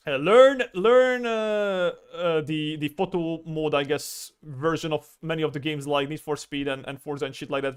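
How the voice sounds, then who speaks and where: A man's voice: a little high, clean tone. Rambling man chatting while he draws. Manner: rambling, stammering, swears freely. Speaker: artist livestreaming. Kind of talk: casual chat while drawing on stream.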